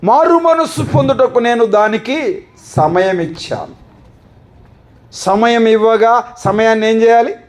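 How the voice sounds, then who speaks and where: High-voiced man preaching. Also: measured pace, pauses often, low-quality recording. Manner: rhetorical questioning, repetitive listing. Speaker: pastor. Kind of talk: Telugu sermon with congregation call-and-response. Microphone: microphone.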